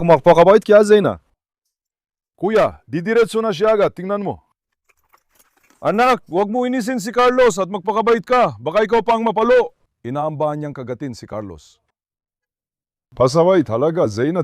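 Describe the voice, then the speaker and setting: Male dog-owner vlogger with a high voice and a dry, close sound. He narrates casually, coaxing and scolding his dogs. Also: no room sound. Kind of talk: casual vlog narration while handling dogs.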